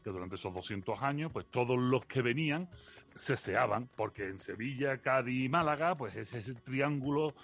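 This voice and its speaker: A man with an Andalusian accent, telling stories as an interview guest in a relaxed, jokey way and slowing down to stress his points. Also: medium pitch. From Andalusia, Spain. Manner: expansive, jokey, slows down for emphasis. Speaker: guest, philosophy communicator.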